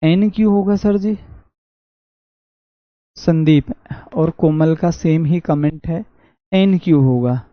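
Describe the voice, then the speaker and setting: A man with a Haryanvi accent teaching an online exam-prep English class, reading sentences slowly and answering his own questions. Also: fairly high pitch, dry recording. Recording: dull dry lo-fi audio.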